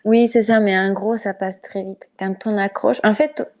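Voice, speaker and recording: A podcast guest from Mexico, this Spanish-accented woman chats casually over voice chat using a home microphone that cuts off the highs. Her medium-pitched voice is darkish and steady at a normal speed, broken up by frequent laughs and hesitations.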